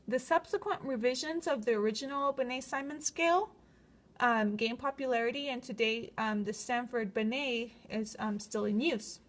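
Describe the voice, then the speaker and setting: A woman speaks in a fairly high voice with a slight lisp, the sound of someone still getting used to talking with braces. She delivers a prepared student presentation, moving through her points in a semi-scripted, explanatory way. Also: moderate pace.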